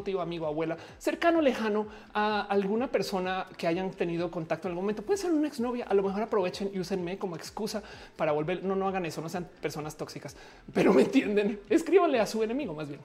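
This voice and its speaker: A fast-talking Mexican woman hosting her own live stream. Her talk is casual and joking, full of fillers and false starts, at a middle pitch. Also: expressive, a little mellow. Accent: Mexican Spanish. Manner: chatty, joking, many fillers and restarts. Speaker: livestream host.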